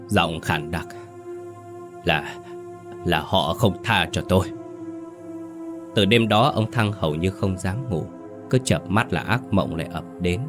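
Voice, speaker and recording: A man giving grave, measured scripted narration of a horror story. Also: low-pitched. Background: faint music.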